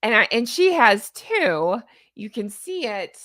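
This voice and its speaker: Chatty, higher-pitched woman with a honking voice. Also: big pitch swings, takes it slowly, a bit bright, no echo, studio quality. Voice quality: honking voice, likened to a goose. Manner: chatty, jokey, exclamatory. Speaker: YouTube host. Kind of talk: casual livestream-style reaction commentary.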